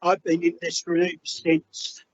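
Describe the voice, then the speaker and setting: A man's voice: a little high, monotone, slow. A man from the public arguing insistently with the chair at a council meeting. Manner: insistent, argumentative. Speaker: member of the public speaking at council. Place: council chamber. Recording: dull lo-fi meeting recording.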